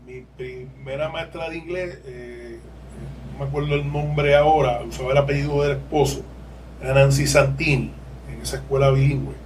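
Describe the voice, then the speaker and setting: Far from the mic and on poor audio with some hiss or hum, a man from Puerto Rico speaks in a mid-range, slightly mellow voice with fairly even intonation at a moderate pace. He's a lawyer and legal aid board president appearing as a podcast interview guest, with a Puerto Rican Spanish accent. Candid and prone to digressions, he laughs while he explains.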